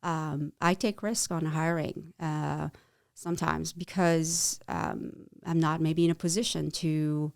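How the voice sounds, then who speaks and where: Low gravelly French-accented woman. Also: steady tone, no echo, studio quality. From France. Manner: halting, with many restarts and fillers. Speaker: guest, chief marketing officer. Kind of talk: casual interview.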